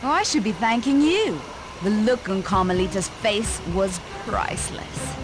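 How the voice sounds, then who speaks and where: A mid-pitched female voice performed by an actress as a sly cartoon police constable. She is poised and flirtatious, a video game schemer with loud music behind her. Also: animated, unhurried, natural voice, rough recording. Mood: teasing, poised.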